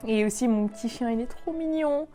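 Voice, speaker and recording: A woman's voice: fairly high pitch, fairly quick, warm tone, soft background music. Chatty young woman presenting toys. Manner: chatty, lots of fillers and restarts. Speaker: toy review YouTuber. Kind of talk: casual presenting to the camera.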